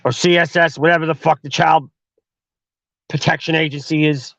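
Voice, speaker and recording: A man's voice: fairly high pitch, fairly even intonation, normal speed, creaky, a bit bright, no echo, muffled recording. A man telling a horror story on his podcast in a profane, slangy way. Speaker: podcast host.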